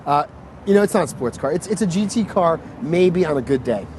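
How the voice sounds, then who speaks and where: Out on a noisy street, a male guest talks informally about his car, meandering through his explanations with plenty of fillers. He sounds a little high and darkish in tone, with lively intonation and a fairly quick delivery.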